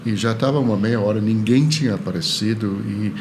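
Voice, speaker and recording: A middle-aged man with a Canadian accent and a lowish voice chats casually as a podcast guest; he is an orchestral violist. A non-native speaker whose first language is Portuguese, he talks in a halting, jovial way and laughs easily. Background noise is clearly audible.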